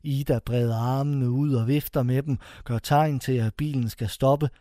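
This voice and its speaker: A man narrating a scripted horror story in a suspenseful way, slowing down on the dramatic phrases. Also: mid-range voice, fairly even intonation, mellow, no echo, clean studio sound.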